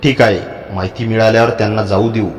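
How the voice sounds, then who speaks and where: A man's voice: on the low side, fairly even intonation, quick pace, roomy sound, in a large hall, a little hiss or hum, natural voice. Cold, menacing gang boss, read by a man. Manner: cold, growling threats. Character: menacing male gang leader, cold and threatening.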